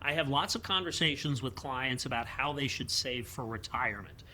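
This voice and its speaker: A man's voice: mid-range voice, normal speed, bright, forceful tone, a little hiss or hum. A man hosting a podcast, explaining tax questions in a dry, wry, conversational way. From United States. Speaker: podcast host, tax advisor. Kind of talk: casual podcast talk.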